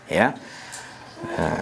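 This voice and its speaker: A man teaching the meaning of a scripture passage in a relaxed, conversational way. He poses rhetorical questions and answers them himself. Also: on the low side, vocal fry, a little hiss or hum. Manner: conversational, frequent "ya" and "nah" fillers. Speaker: Quran exegesis teacher. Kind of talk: explanatory religious lecture.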